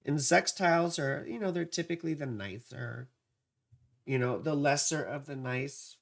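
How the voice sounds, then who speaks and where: This astrology livestreamer talks at a normal speed in a mid-range voice roughened by dry, parched vocal fry. Her chat with viewers is casual, playful and scattered, with frequent affectionate asides.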